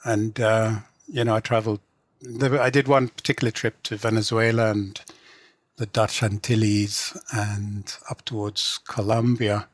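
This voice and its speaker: The speaker, a middle-aged Englishman working as a translator and novelist, talks casually in an interview with many restarts and "you know" fillers, halting throughout. His voice is on the low side and his delivery flat. The recording is dry.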